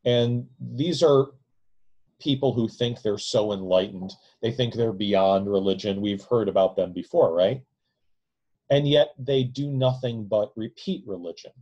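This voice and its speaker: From an indoor room lined with bookshelves, a man in his forties gives a rambling, casual lecture into a webcam at close range, frequently asking "right?" His mid-range voice sounds warm, though the audio is dull.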